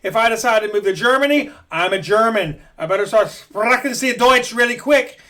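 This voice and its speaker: A man's voice: high voice, animated, normal speed, sharp tone. A man from Maryland delivering a blunt, profane political rant to camera as a vlogger. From Maryland, USA.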